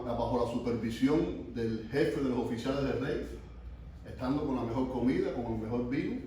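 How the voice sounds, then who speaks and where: A man's voice: mid-range voice, dark tone, a little hiss or hum. Guy youth pastor preaching, asks the kids stuff, far off mic, big echo. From Cuba. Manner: asks the group questions, restarts often. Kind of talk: teaching sermon to youth. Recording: echoey room, mic from far off.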